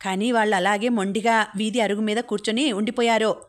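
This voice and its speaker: A woman's voice: mid-range voice, fairly even intonation, fairly quick, lightly acted. A woman narrator voicing a stubborn, harsh older father in an audiobook. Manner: harsh, complaining.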